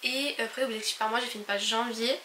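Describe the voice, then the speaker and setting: Bright chatty young woman vlogging. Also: on the high side, steady tone, a little fast, a little hiss or hum. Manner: chatty, many fillers and restarts. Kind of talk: casual vlog chat. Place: her own apartment bedroom.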